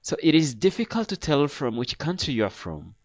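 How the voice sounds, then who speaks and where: A man's voice: a little high, sing-song, brisk, pitched above the performer's own voice. A man voicing a formal, suspicious female airline gate agent with a Spanish accent. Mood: officious.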